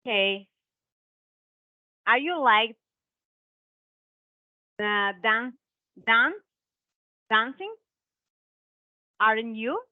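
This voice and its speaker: Woman, 30s, English learner, very slow, halting, tinny phone-like sound. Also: on the high side, lively intonation, dry recording. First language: Spanish. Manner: very slow, halting, with many fillers. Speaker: language student. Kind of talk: English speaking practice in class. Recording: tinny online call audio.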